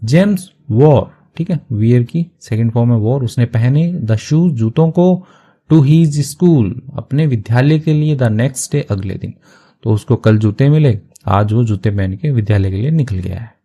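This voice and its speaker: A man teaching English through a story, reading each English phrase slowly and then explaining it quickly in Hindi. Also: medium pitch, lively intonation, mellow, husky. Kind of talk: line-by-line story translation lesson.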